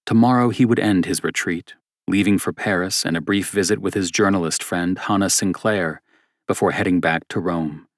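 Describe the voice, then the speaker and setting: Deep-voiced male audiobook narrator. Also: no room sound, clean studio sound. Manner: steady, measured reading.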